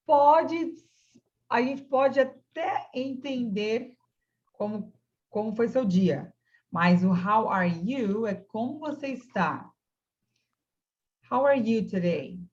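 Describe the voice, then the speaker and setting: A woman's voice: on the high side, takes it slowly, pauses often, a little mellow, dull audio. A woman teaching an online English class, patiently modeling phrases for her students.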